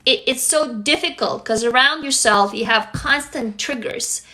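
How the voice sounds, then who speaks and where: This young Russian woman, a native Russian speaker, hosts a livestream where she reads viewer comments and speaks earnestly and bluntly, swearing casually. Her voice is a little high and a little slow, with a pushed, bright quality.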